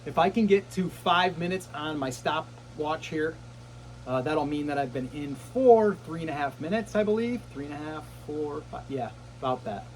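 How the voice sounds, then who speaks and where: A fairly high-voiced man talks casually while sitting in ice cold water. He is breathless from the cold and puffs between short phrases, outdoors with a faint noise behind him. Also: animated, normal speed, poor audio. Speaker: vlogger. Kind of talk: casual self-talk to camera. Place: outdoors in a cold plunge barrel.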